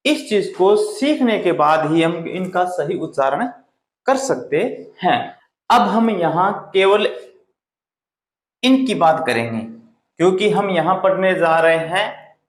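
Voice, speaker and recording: A man teaches a Hindi grammar lesson in a slow, careful way, stretching out each vowel as he demonstrates it. His voice sits a little high. The recording has the hollow ring of an echoey room. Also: expressive. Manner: deliberate, drawn-out sounding of vowels.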